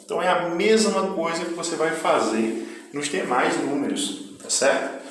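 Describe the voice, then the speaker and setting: A man's voice: on the high side, expressive, moderate pace, a bit bright. A man teaching an English lesson in a chatty way, often checking in with his students. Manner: chatty, peppered with tag questions. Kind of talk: casual video lesson. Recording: echoey room.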